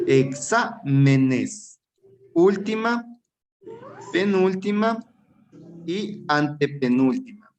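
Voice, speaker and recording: A man's voice: on the high side, rough recording. A male teacher with an Ecuadorian accent leads an exam-prep class. He works through each answer step by step and keeps checking in with rhetorical questions. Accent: Ecuadorian Spanish.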